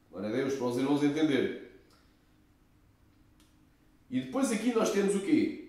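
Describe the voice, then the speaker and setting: A man's voice: fairly high pitch, darkish tone. Preacher guy teaching, lots of tag questions, sounds far off in a big echoey room. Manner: repetitive, tag questions, pious interjections. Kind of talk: teaching commentary on a video. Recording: echoey, distant from the mic.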